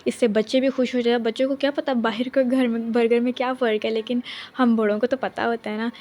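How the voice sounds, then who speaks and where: Young woman, casual vlog narration, chatty, fairly high voice, addresses viewers directly. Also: level tone, fast, a little mellow. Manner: chatty, talks straight to viewers. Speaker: vlogger mother.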